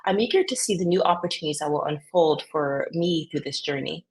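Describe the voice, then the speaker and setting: Young woman from canada, podcast guest, low voice, lots of ums. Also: fairly quick, poor audio. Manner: earnest, with frequent fillers. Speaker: podcast guest, business co-founder. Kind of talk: casual interview chat.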